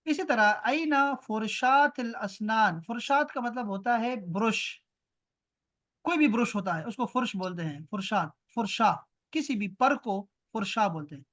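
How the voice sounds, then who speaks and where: A man teaching an online language lesson over a video call. He repeats each word slowly, explains it, then hurries through quick asides. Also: sits high, animated, fairly bright tone. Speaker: Arabic teacher.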